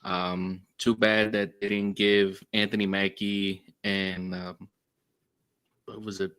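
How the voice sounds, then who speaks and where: A man's voice: deep voice, little pitch movement, takes it slowly, a bit bright, clean tone. A man talking casually as a guest, rambling with many "like"s and "um"s. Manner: rambling, lots of fillers like "like". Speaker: podcast guest. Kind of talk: casual chat.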